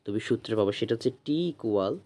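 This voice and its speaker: A young man teaching a physics exam-prep lesson online, chatty and reassuring, who keeps asking quick check questions and answering them himself. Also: fairly low pitch, fairly even intonation, a little mellow. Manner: conversational, reassuring, repeats key points. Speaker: physics tutor.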